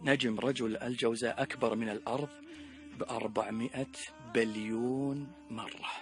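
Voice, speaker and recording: Emphatic Saudi man preaching over soft music. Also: mid-range voice, steady tone, normal speed. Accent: Saudi Gulf Arabic. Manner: emphatic, swings between loud exclamations and hushed asides. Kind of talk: religious reflection talk.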